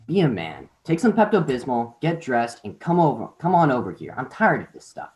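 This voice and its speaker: A man's voice: mid-range voice, huge pitch swings, a little fast, rough recording. A man reading a cocky, persuasive teenage boy in an unrehearsed script read-through. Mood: pushy. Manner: pushy, persuasive.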